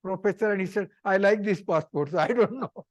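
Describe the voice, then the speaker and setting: High-pitched older man giving informal lecture. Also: fairly quick. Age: middle-aged or older. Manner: chatty, repetitive, short simple phrases. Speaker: visiting professor giving a seminar talk.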